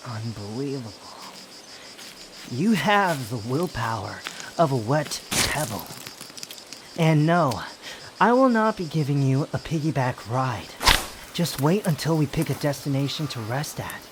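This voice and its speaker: A man playing a sharp-tongued, haughty, youthful-looking immortal wanderer in a roleplay audio drama, speaking in a sardonic, theatrical, teasing way. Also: mid-range voice, big pitch swings, unhurried, noisy background. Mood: exasperated, scolding. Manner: sardonic, scolding, theatrical delivery with sighs.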